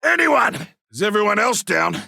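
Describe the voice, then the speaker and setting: Griffin, gravelly old veteran monster hunter. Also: male voice, sits high, sing-song, moderate pace, sharp tone, no echo, studio quality, exaggerated voice. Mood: desperate. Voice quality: gruff, gravelly. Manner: colloquial, wry, theatrical. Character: ageing veteran monster hunter, gruff, cocky and stubborn. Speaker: playable game character. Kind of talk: video game combat voice lines.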